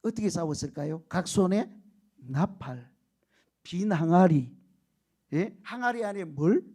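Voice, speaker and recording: High, gravelly pastor preaching. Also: male voice, measured pace. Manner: animated storytelling with shouted quotes and laughter; keeps prompting the congregation for answers. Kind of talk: sermon.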